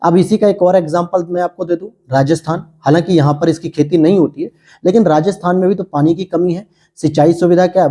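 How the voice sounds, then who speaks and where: Husky-voiced man quizzing and answering himself. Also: a little high, dark tone. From India. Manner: asks questions then answers them himself. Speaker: exam coaching teacher. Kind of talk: exam prep lecture.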